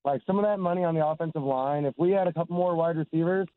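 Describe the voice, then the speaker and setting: A man calling a radio show on his phone's speaker from his car on the highway, easygoing and chatty. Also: fast. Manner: easygoing, calls the host man and dude. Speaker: caller. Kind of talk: casual call-in chat. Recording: tinny speakerphone phone line.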